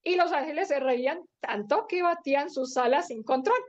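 A woman telling a bedtime story to young children, playful and animated, with silly sound effects and diminutives, on a dull lo-fi recording. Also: high voice, moderate pace.

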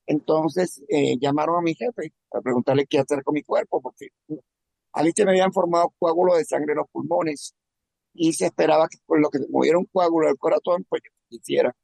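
A man from Venezuela telling a personal testimony in a halting, emotional way, often repeating words. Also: on the high side, fairly even intonation, gravelly, darkish tone, dry recording. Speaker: testimony speaker.

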